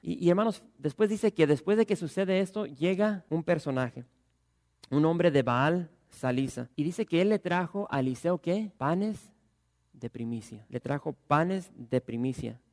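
Male pastor, sermon delivery, gravelly fry, a little high in pitch, questions the flock. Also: lively intonation, measured pace. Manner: reads scripture loudly and emphatically, asks the congregation questions. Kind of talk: sermon with scripture reading.

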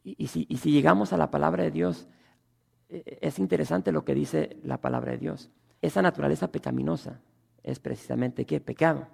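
A male pastor delivers a sermon. His voice is strongly gravelly and sits a little high. He often restarts his phrases and swells into loud, emphatic stretches, with a long reverb from the church hall. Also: steady tone, brisk.

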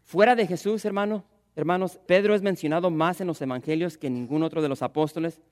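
A male pastor preaching a sermon in Spanish, emphatic, swinging between loud exclamations and hushed, slower asides. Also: fairly high pitch, big-room sound.

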